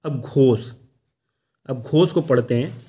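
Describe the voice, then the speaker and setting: A man teaches Hindi phonetics for an exam, working step by step, posing questions and answering them himself while slowly sounding out each letter. His medium-pitched voice is warm and slightly rough.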